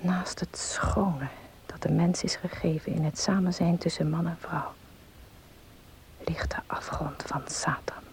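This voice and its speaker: In a noisy old radio play recording, an actress whispers as an earnest, devout and resolute young woman, using polite, formal diction. Her lowish voice keeps a fairly even intonation and measured pace, and the mood is solemn and determined.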